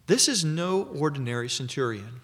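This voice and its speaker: A man preaching an expository sermon in a measured, emphatic teaching manner. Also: medium pitch, lively intonation, a bit bright.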